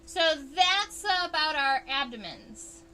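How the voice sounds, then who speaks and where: A woman's voice: high voice, very animated, bright, forceful tone, a little hiss or hum. A woman entomologist hosting a casual livestream, explaining insect anatomy under a microscope and answering viewers' chat. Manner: chatty, unhurried, reads chat aloud.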